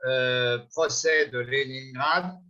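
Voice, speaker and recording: A man's voice: medium pitch, steady tone, takes it slowly, sharp tone. An older man with a French accent, telling his life story in a lecture, conversational and full of hesitations. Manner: conversational, many hesitations and restarts. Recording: dull lo-fi recording.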